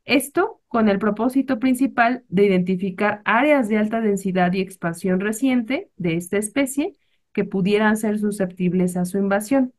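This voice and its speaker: A woman from Mexico, a botanist presenting a class project in a measured way, with fillers and self-corrections. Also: medium pitch. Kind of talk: academic presentation.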